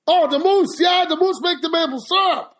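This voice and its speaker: A man's voice: extremely high pitch, moderate pace, a bit bright, voice pushed up. A man doing an exaggerated Canadian accent as a folksy, joking hoser who says "eh" and "bud". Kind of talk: comic bit on a podcast.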